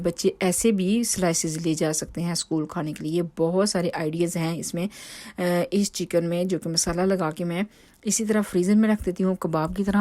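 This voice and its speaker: A woman's voice: on the low side, darkish tone, no room sound. A woman, chatting through a home vlog voice-over with many fillers and restarts. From Pakistan. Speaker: home vlogger. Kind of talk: casual voice-over narration.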